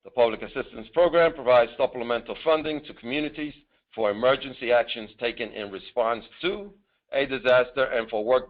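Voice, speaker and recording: A man with a mid-range voice, a government disaster assistance official, gives a formal scripted presentation with some improvised asides. He's speaking from an office on a conference call, and the telephone line makes him sound tinny.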